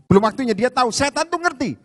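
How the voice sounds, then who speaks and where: Animated high-voiced preacher man. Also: fast talker, no room sound, faint music behind. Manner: animated, acts out voices of demons and Jesus, calls for amens. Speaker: evangelist preacher. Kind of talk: lively sermon. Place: church service.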